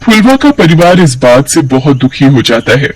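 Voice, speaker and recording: A man's voice: mid-range voice, sing-song, moderate pace, poor audio. A man narrating part of a moral cartoon story.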